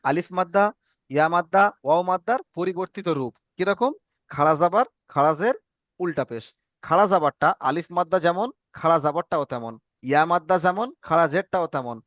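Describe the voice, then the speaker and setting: A man teaching Quran reading in an online class, who explains patiently and repeats each letter with drawn-out vowels. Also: fairly high pitch, fairly bright tone, no room sound, clean studio sound. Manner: patient, repetitive explaining, drawing out vowel sounds.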